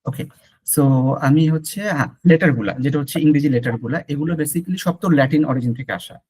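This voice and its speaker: A man's voice: a little high, fairly quick, darkish tone, slightly rough. A man teaching French pronunciation in an online lesson, patiently repeating sounds for his student. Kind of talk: online lesson mixing Bengali and English.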